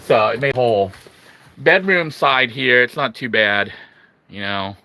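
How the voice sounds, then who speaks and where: This vlogger's medium-pitched voice is gravelly and sharp, moving at a measured pace through a casual video update. Hesitant and rambling, he keeps saying "you know", with a faint background ambience in the recording.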